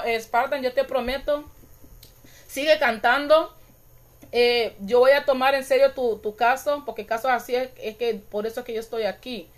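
A woman hosting a casual live-stream chat, reading viewer comments aloud and calling her audience "mi gente", with laughter at her own slips. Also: a little high.

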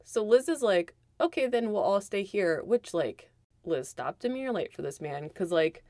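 A woman co-hosting a podcast, recapping a movie in animated, profane casual chat. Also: medium pitch, normal speed, no room sound. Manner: animated, profane, emphatic storytelling. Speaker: podcast co-host.

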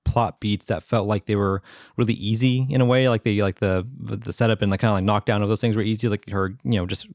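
A man's voice: fairly low pitch, fairly even intonation, fast talker, darkish tone, dry recording, studio quality. A man co-hosting a podcast, agreeable and rambling, saying yeah a lot while discussing a movie. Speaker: podcast co-host. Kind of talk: casual movie review chat.

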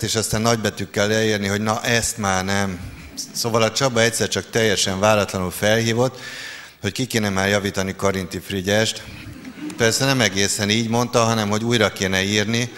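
A man with a fairly low voice talks casually to an audience, poking fun at himself. The sound carries a long hall reverb with faint background noise. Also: a bit bright. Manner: self-deprecating, conversational. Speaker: speaker presenting his piece.

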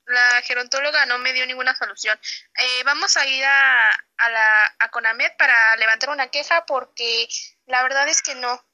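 A dutiful adult daughter with a Mexican accent , played by a woman. Her voice is high and strikingly sharp, with an earnest, polite manner suited to an amateur drama. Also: steady tone, normal speed, lo-fi sound. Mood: concerned, caring. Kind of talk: amateur acted role-play.

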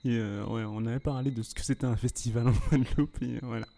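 A man hosting a casual interview, asking questions in a relaxed way and answering with frequent short acknowledgements. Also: mid-range voice, quick pace, creaky, a little hiss or hum. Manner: relaxed, gives frequent short backchannel "yeah"s. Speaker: interviewer, podcast host.

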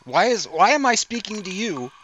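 A man's voice: high-pitched, moderate pace, lo-fi sound. Exasperated man improvising comedy. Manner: exasperated, deadpan. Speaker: comedy podcast co-host.

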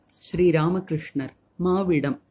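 A woman in scripted narration, reading a spiritual text aloud in a calm, measured way. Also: lowish voice, slightly rough.

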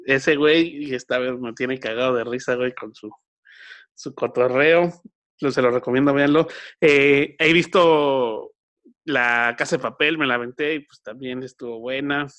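A man with a Mexican accent chatting casually as a podcast co-host, full of slang and putting on quick voices in quotes. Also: mid-range voice, fairly even intonation, fairly bright tone. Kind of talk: casual chat.

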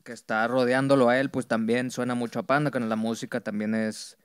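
A man's voice: mid-range voice, level tone, brisk, smooth, no room sound. A man with a Mexican accent hosting a podcast, talking in an easygoing way with hesitant restarts. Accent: Mexican Spanish. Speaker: podcast host. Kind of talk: casual chat.

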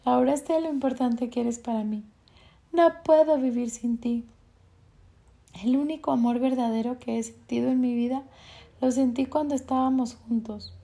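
A woman voicing a tearful young ex-girlfriend who begs to be forgiven, pleading in a high, breathless voice. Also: fairly even intonation, normal speed, gravelly, mellow.

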